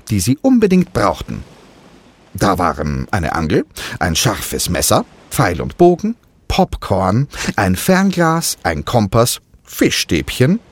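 A man reading a children's story aloud with expressive, sing-song storytelling. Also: medium pitch, husky. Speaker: narrator.

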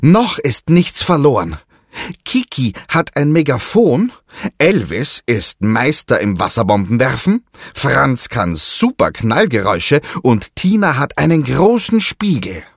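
A young pirate boy from a storybook who is high-strung and quick to panic, as a man acts him out. His voice sits well above a man's normal range. He trips over his words when he talks. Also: breathy edge, dry recording, studio quality, full character voice. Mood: excited. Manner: stuttering, high and excited. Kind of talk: children's audio story.

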